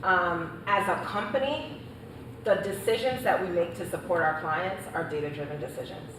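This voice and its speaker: At a panel event in a hall, a woman entrepreneur answers confidently and emphatically, speaking straight to the audience. Her voice is fairly low and moderately paced, picked up by a distant mic in an echoey room with background noise.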